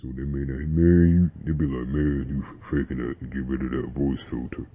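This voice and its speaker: Speaking at a moderate pace in a husky bass, a young man vlogs casually to camera about deep voices. His talk rambles a little, loose and full of slang and fillers. Sound quality is dull and lo-fi.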